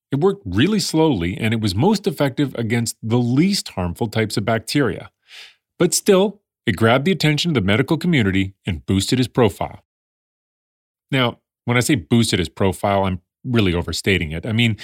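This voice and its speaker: Wry conversational male storyteller. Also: medium pitch. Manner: conversational, wry asides to the listener. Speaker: podcast narrator. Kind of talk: scripted storytelling narration.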